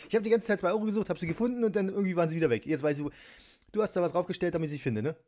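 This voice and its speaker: A chatty, giggly toy vlogger teases himself as he unboxes and assembles a set at his home table, seen from above. His voice is high-pitched with a dark tone. He talks rapid-fire.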